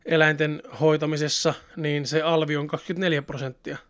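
A man's voice: a little high, little pitch movement, a bit bright, smooth. A man in casual conversation, talking in a rambling, chatty way with many fillers. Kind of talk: casual chat.

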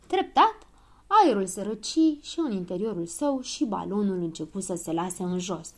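A woman narrating a children's story in a lively, expressive reading. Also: medium pitch.

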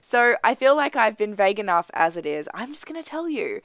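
Upbeat woman host, mid-range pitch, voice nasal and husky today, dry close sound. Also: very animated, fairly quick, fairly bright tone, no room sound. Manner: upbeat, chatty motivational delivery. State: nasal and husky from a throat and nose complaint. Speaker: podcast host. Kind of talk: casual solo podcast talk.

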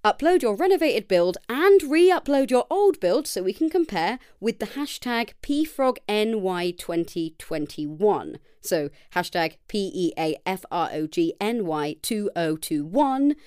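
A woman's voice: medium pitch, very animated, unhurried, few pauses, a little mellow, smooth, no room sound, studio quality. A woman hosting a casual solo podcast late at night, chatty and self-deprecating, sounding a little tired. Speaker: podcast host. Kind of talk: casual solo podcast reading listener challenges.

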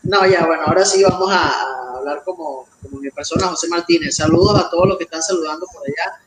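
A man's voice: a little high, quick pace, a loud crowd. A man with a Venezuelan accent, a guest in a casual interview, speaking in hesitant, repeated phrases. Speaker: guest, celebrity impersonator. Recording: echoey room with loud background noise.

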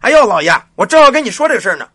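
A man voicing a fussy lady of the house who talks in a hurried, urgent way. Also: very high-pitched, very animated, a bit bright, husky, heavily acted. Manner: hurried and fussing.

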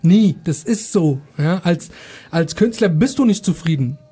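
A man who mixes songs, chatting relaxed as a guest in a studio. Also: fairly high pitch, a little slow, breathy edge. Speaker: guest musician. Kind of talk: casual studio chat.

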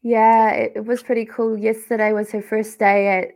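A woman's voice: a little high, level tone, moderate pace, a little mellow. A woman in her thirties with a New Zealand accent, chatting upbeat as an interview guest. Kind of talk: casual interview chat.

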